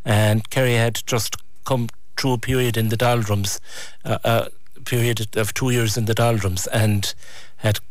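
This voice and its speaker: A man's voice: on the low side, level tone, a little slow, no room sound. A man with an Irish accent reminiscing conversationally as an interview guest.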